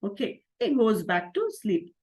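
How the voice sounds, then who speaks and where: A woman, a spiritual teacher telling a moral story to children, gentle and questioning with many fillers. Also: mid-range voice, big pitch swings, unhurried, husky.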